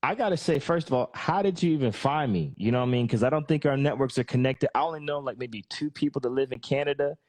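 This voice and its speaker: A man's voice: mid-range voice, fast talker, few pauses, darkish tone, dry recording. A man hosting a podcast, chatting in a laid-back, friendly way with lots of fillers over a remote call. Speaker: podcast host. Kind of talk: casual interview chat. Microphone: remote call microphone.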